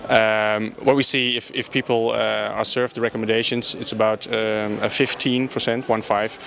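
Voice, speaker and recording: A man's voice: on the low side, flat delivery, moderate pace, gravelly, a bit bright. A young Dutch man, a startup founder, answering interview questions in English with many filler sounds and restarts, in a large conference hall on a handheld mic. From Netherlands. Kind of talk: conversational interview.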